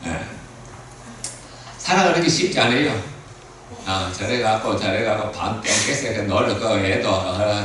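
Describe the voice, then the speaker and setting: A man's voice: fairly low pitch, a little hiss or hum. An older man preaching a sermon, telling the story in a folksy way and acting out the dialogue between characters. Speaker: pastor. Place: church sanctuary. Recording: roomy echoey hall, mic at a distance.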